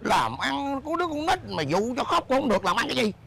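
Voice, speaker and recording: A fast-talking, high-pitched husband with a gravelly edge, as a man acts him out bickers and scolds. He plays a scheming beggar in a stage comedy sketch. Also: big pitch swings, bright, forceful tone, exaggerated voice. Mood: scolding. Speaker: comic actor.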